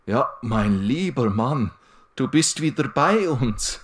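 A man voicing an elderly innkeeper woman in an audiobook for German learners, high and fussing. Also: expressive, slow. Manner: high, sing-song fussing.

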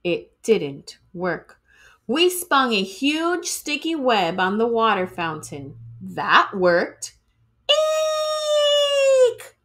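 A woman slowly reads a children's book aloud in a mid-range voice. She makes it dramatic and expressive, just like a teacher reading to a classroom.

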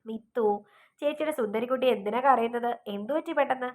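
A woman voicing a young woman gently comforting her younger sister, with a soft, coaxing manner. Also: on the high side, fast, close to an everyday voice. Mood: tender.

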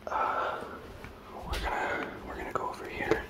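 Man whispering a hushed comedy house tour. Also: moderate pace, low-quality recording. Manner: hushed whisper, hesitant with many fillers. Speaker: comedian host. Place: dark house indoors. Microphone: handheld phone camera close up.

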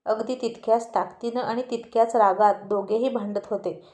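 A woman narrating a family story in a lively, expressive way. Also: on the high side, moderate pace.

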